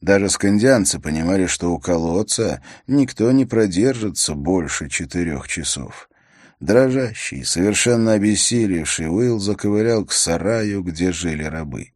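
Deep-voiced male audiobook narrator. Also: no room sound, studio quality. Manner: measured, steady storytelling.

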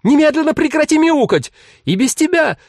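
A man's voice: medium pitch, expressive, a little fast, dark tone, slightly rough, no echo, studio quality. A man voicing a tired, worried middle-aged mother who sighs and sounds flustered. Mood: frazzled. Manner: sighing, flustered.

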